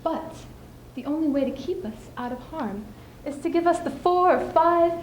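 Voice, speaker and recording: Voicing a spirited, scheming widow, a young woman from the student speech team performs an expressive theatrical monologue in a high voice at an indoor school showcase. Her tone is earnest and emphatic, shaped by deliberate, theatrical pauses. The room is echoey, with background noise clearly audible.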